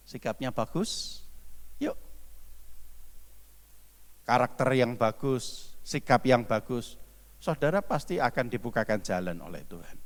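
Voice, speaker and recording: A male pastor, preaching slowly and emphatically with repeated phrases in a large church hall. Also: medium pitch. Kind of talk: sermon then leading sung worship. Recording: church hall reverb with music behind.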